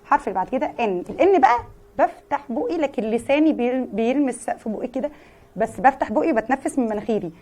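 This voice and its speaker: Animated Egyptian woman teaching letter sounds. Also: a little high. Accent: Egyptian Arabic. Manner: repeats sounds slowly and emphatically; animated, sudden loud emphasis. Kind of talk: phonics lesson for young children.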